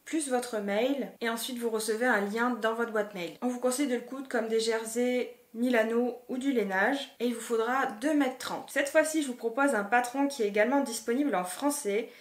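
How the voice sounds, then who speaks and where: Woman with higher voice, echoey room. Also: normal speed, hardly any pauses. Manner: clear, methodical listing of details. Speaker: sewing channel host. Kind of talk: casual presentation of sewing patterns.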